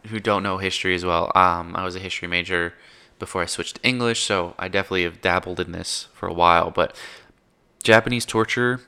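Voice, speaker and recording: Deep-voiced rambling young man. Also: steady tone, fairly quick, sharp tone, clear, resonant tone. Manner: rambling, self-correcting, frank. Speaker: film recapper. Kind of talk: casual movie retelling.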